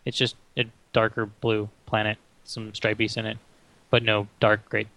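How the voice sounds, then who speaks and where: A man's voice: fairly low pitch, completely flat delivery, moderate pace, vocal fry, pushed and bright. A man co-hosting a casual podcast, talking enthusiastically about the planets. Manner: enthusiastic, conversational. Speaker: podcast co-host. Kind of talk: casual chat.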